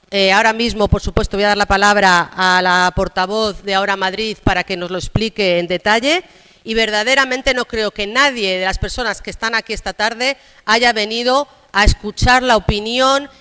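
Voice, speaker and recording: A woman's voice: on the high side, a bit bright, clean tone. A woman with a Spanish accent from Spain chairs a district council meeting and answers with a firm, indignant rebuttal. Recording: long reverb of a council hall.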